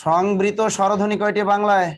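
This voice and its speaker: A man's voice: sits high, level tone, fairly quick. A male teacher giving a live classroom lecture, drilling students with repeated questions and teasing or scolding them. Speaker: exam coaching teacher.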